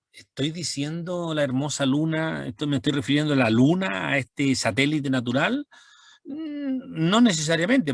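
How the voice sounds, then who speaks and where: A male teacher explains poetry slowly, repeating words and pausing with fillers. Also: mid-range voice, a bit bright, no echo, studio quality. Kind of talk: recorded language lesson.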